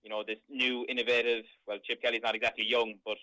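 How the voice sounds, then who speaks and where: Clear, bright, low-voiced Cork Irishman. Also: flat delivery, fast, no echo, poor audio. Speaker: sports podcast co-host. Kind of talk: casual sports discussion.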